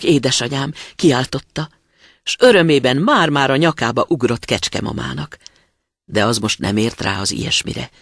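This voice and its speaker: A storyteller reading a fairy tale aloud dramatically, dropping to a hush at tense moments. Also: mid-range voice, no room sound, studio quality.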